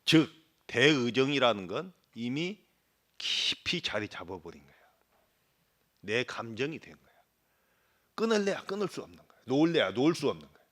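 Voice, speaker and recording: A middle-aged man, a Buddhist monk giving a dharma talk. He questions his listeners, imitates regional dialects, and swings between loud emphasis and quiet asides. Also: medium pitch, sing-song, moderate pace, pauses often.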